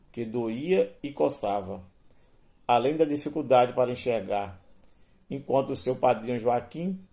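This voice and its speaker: A male storyteller reads a tale aloud at a slow, measured pace. His voice is mellow and soft-edged, and his pitch sits in an ordinary middle range. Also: vocal fry. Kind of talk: reading a spoken story.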